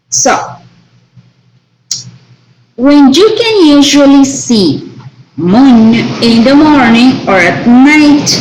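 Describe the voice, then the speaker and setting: A woman teaching an English grammar lesson, explaining each example slowly in both Spanish and English and checking with her students as she goes. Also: high-pitched, rough recording. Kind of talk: bilingual classroom grammar lesson.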